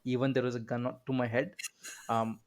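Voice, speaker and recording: A man's voice: mid-range voice, level tone, moderate pace. A man hosting a podcast interview, teasing and joking in casual chat. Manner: joking, teasing, with frequent filler backchannels. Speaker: podcast host.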